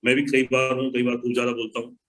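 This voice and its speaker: A man's voice: mid-range voice, completely flat delivery, quick pace, low-quality recording. Emphatic Hindi-speaking motivational speaker, man. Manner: emphatic, repeats key phrases. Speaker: motivational speaker answering questions. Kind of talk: advice talk to an online audience.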